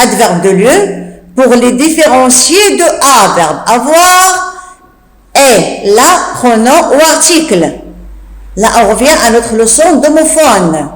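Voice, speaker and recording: A woman teacher giving a slow spelling lesson, repeating each rule and spelling out letters one by one, with the odd hesitant filler. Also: sits high, reverberant, low-quality recording. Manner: fillers like "euh" and "d'accord". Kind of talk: slow classroom dictation lesson.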